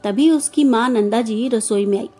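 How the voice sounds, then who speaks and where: A woman narrating a scripted moral story in an even, measured reading manner. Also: fairly high pitch, faint music behind.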